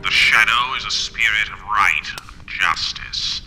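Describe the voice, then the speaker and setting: An actor playing a grim, spectral avenger of justice in a 1940s-style radio drama, theatrical and declamatory with hissing menace. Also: male voice, fairly low pitch, unhurried, pushed and bright, faint music behind, rough recording. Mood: menacing, righteous.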